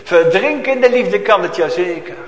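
Fervent preacher in an echoey church. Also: male voice, high voice, animated. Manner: fervent preaching with hushed, drawn-out passages. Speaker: pastor. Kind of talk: sermon.

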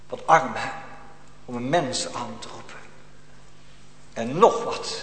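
A man preaching a sermon emphatically, repeating phrases and swinging from loud to hushed. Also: mid-range voice. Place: church. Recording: echoey church hall with faint ambience.

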